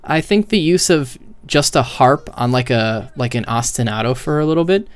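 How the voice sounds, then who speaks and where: Reacting to game cutscenes as a streamer, this man speaks off the cuff in a mid-pitched, clear, resonant voice at a moderate pace. He's animated, blunt, and opinionated, cursing freely and keeping things casual. His close mic has the gain set very high.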